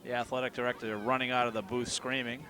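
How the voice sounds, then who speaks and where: A man doing play-by-play commentary for a high school soccer game from a booth, in a deliberately even, monotone delivery. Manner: self-described monotone delivery. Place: press booth at an outdoor school field.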